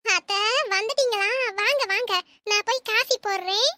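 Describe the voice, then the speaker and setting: A scheming young daughter-in-law, voiced by a woman in a cartoon story. Her voice is very high and bright, sly and chirpy, with quick little jabs. The recording is dry and close. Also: dry recording. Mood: sweet. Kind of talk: cartoon voice acting.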